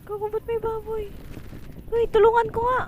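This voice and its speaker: A young Filipino woman commenting on a horror game, swearing and reacting loudly when startled. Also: very high voice, monotone, moderate pace, background noise. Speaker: gaming streamer.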